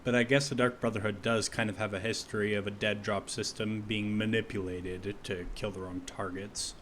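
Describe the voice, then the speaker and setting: A man's voice: fairly low pitch, level tone, normal speed, a bit bright, a little hiss or hum. A man hosting a let's play with casual, rambling, self-deprecating commentary. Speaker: gaming let's play host. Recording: faint game ambience behind voice.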